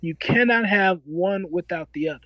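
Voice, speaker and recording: A man's voice: high voice, moderate pace, dry recording, dull audio. A man in his forties, a self-described minister, talking earnestly and preachily in a casual interview and repeating his key phrases. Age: 40s.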